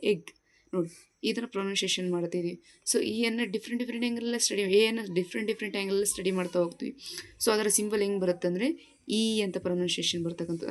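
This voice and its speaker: A woman with a Kannada accent giving a spoken English phonetics lesson, explaining patiently and repeating example words aloud. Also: medium pitch. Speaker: English teacher.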